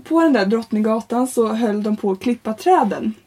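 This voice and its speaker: A young woman co-hosting a casual podcast, telling a funny story in an animated way, laughing and swearing freely. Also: on the high side, husky. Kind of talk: casual chat, comic storytelling.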